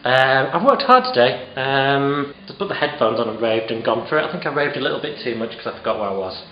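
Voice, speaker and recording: A man's voice: medium pitch, animated, fast, roomy sound, lo-fi sound, soft background music. A man in his thirties, tired, chatting rambly and self-mockingly with lots of ums while he cooks at home, filming himself on a handheld camera. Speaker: cooking vlogger. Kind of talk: casual vlog chat. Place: home kitchen at night. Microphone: handheld camera close to face.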